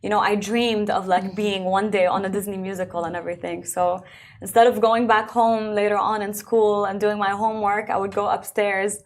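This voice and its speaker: A young adult woman who grew up in Belgium, a singer talking about her life in a relaxed, chatty interview, full of filler words. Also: medium pitch, moderate pace. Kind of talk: casual interview conversation.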